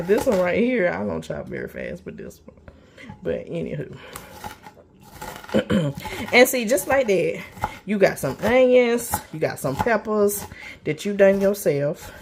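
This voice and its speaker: A woman's voice: mid-range voice, big pitch swings, takes it slowly, gravelly, long pauses. A middle-aged woman, chatting folksily through a casual cooking vlog in her home kitchen and calling viewers honey and child. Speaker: cooking vlogger. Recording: noisy room with chopping and clicks.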